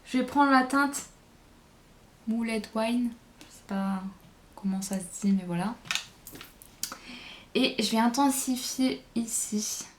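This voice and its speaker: A woman's voice: a little high, slow pace, pauses often, heavy background noise. Chatty French-speaking woman vlogger. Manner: chatty, hesitant, thinking aloud. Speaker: beauty vlogger. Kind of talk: casual makeup tutorial chat.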